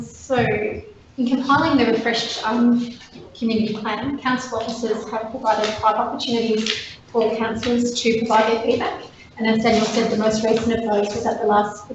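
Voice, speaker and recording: An Australian woman council officer presenting a report at a meeting, hoarse and wavery as she loses her voice, halting with many fillers. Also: a little high. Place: council chamber. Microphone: desk microphone from a distance. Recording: echoey, distant, dull, noisy room recording.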